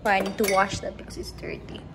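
A woman, chatting casually through a vlog, soft-spoken and laughing easily. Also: mid-range voice, completely flat delivery, fast, creaky, background noise. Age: 20s. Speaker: vlogger. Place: small apartment room, indoors. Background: background music.

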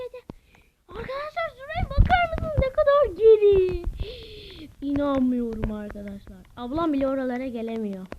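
A woman giving let's-play commentary as a gaming channel host, excitable and groaning and exclaiming whenever she fails. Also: sits high, highs cut off, noisy background.

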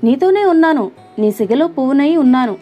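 A woman's voice: high voice, expressive, fairly quick, lo-fi sound, faint music behind. A woman voicing a teasing young male spirit. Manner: teasing, murmured close to the ear. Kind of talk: audiobook character voice.

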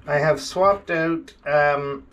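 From a small wooden boat cabin, a middle-aged vlogger casually narrates repair tips in a chatty, self-deprecating how-to style. He speaks slowly, and his voice is on the high side with a fairly bright tone.

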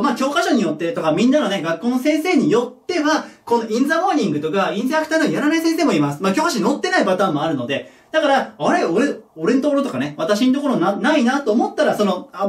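Guy teaching english at a board, high lively voice, patient, bit far off the mic. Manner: patient, step-by-step, checks in with "right?"; self-deprecating about his own mistake. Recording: echoey room, voice from off the mic.

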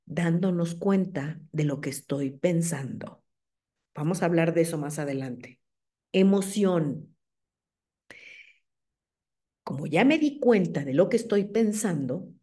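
Mexican lady lecturing moms, mellow warm voice, keeps asking "ok?", middle-aged. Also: low voice. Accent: Mexican Spanish. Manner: animated, asks the audience "¿ok?". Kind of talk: talk to a group of mothers.

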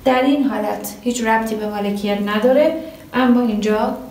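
A woman teaching English grammar at a board, quizzing students and answering herself, drawing out her example sentences slowly. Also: on the high side, darkish tone, recorded from a distance, a little hiss or hum. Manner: asks the class questions and answers them herself. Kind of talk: grammar lesson at a whiteboard. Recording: echoey room, voice from off the mic.

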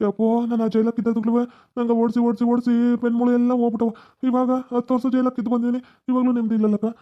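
A performer voicing a panicky village man, an ex-convict fleeing, pleading quickly with a North Karnataka Kannada accent, in a cartoon comedy. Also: medium pitch, completely flat delivery, lo-fi sound, natural voice.

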